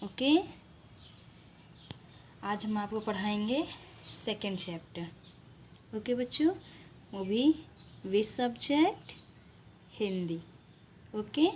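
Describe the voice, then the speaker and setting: A woman teaching an online class to young children, slowly asking questions, answering them herself and repeating key words. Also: mid-range voice, darkish tone, a little hiss or hum. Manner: slow, repeats key words, stretches syllables apart. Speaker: online primary school teacher. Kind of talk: teaching a Hindi lesson to children.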